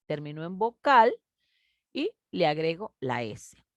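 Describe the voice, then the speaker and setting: A woman teacher, patiently explaining a grade-school grammar lesson and stretching out example words slowly. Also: sits low, sing-song, no echo, muffled recording. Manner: patient, explanatory, addresses children warmly as "mis niños".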